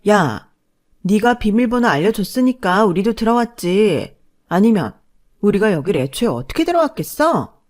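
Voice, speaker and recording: A woman's voice: medium pitch, sing-song, normal speed, darkish tone, pitched above the performer's own voice, natural voice. A woman voicing a smug, mocking sister-in-law who talks down to others. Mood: sneering.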